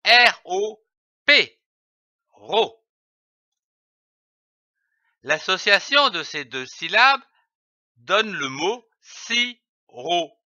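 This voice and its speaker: Male reading teacher, high and lively, spelling syllables out at a crawl; dull, dry lo-fi sound. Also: no room sound. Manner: deliberate, spells out each syllable letter by letter. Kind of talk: slow instructional reading drill.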